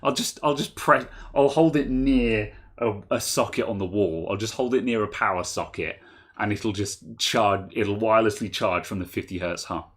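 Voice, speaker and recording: Male tech co-host, lowish voice, loose rambling delivery. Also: moderate pace. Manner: rambling, self-interrupting, laughs often. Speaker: podcast co-host. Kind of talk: casual chat.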